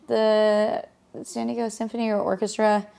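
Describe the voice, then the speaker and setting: A woman co-hosts a casual chat, chatty and quick to prompt her partner. Her mid-pitched voice has a gravelly, fry-tinged texture. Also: flat delivery, mellow. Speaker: co-host.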